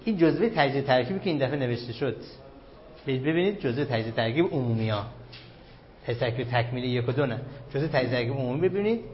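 A man teaching grammar in a classroom lecture, quizzing students with repeated questions and slowly repeating key terms. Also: mid-range voice, expressive, slight background noise. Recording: dull lo-fi recording.

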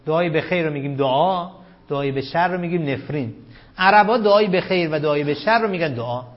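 A man teaching a grammar class. He reads quoted lines slowly and loudly, questions the students and calls them "sir" and "dear". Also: a little high, muffled recording. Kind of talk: classroom lesson, reading a text aloud and explaining it.

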